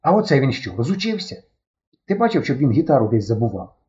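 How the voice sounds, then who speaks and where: Blunt scornful kid friend, read by a man, dark voice, lo-fi audiobook sound. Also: medium pitch, big pitch swings, quick pace, a little hiss or hum, close to an everyday voice. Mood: suspicious. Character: grumpy sharp-tongued boy, the narrator's friend.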